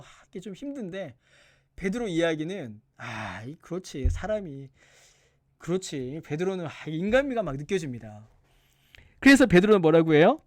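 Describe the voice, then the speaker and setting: Male pastor, high and animated, lecturing on scripture, acts out the quotes, dry close sound. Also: no room sound. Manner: lively, acts out quoted lines, asks the listeners questions. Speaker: pastor teaching Bible study. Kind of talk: Bible study lecture.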